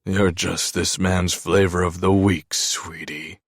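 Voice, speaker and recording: A man's voice: sits low, level tone, slow, no echo, studio quality, voice pushed up, heavily acted. A man voicing a smug, greedy and cowardly male doctor in an audiobook, with a sneering, condescending manner. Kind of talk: audiobook narration.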